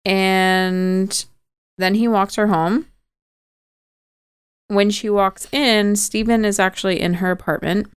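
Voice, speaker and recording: A woman's voice: medium pitch, fairly even intonation, slow, pauses often, clean tone, no room sound, clean studio sound. A woman podcast host casually retelling a movie plot, chatty and full of "like" and "kinda".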